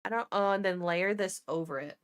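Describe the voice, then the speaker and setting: A woman's voice: lowish voice, brisk, clean tone. A woman who used to be an ICU nurse, telling stories in a chatty, profane way while painting miniatures. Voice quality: chatty, profane, laughs often.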